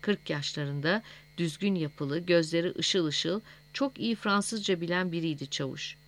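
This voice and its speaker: Low-pitched woman reading a novel aloud. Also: measured pace. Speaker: audiobook narrator. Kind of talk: scripted narration.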